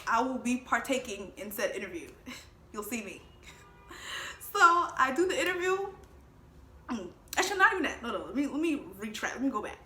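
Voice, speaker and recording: A woman in her twenties tells a story to her camera in a casual, chatty way, laughing often and acting out what people said. Her voice is bright and a little high. The room sounds roomy and echoey, with a faint hiss behind her. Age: 20s. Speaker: vlogger.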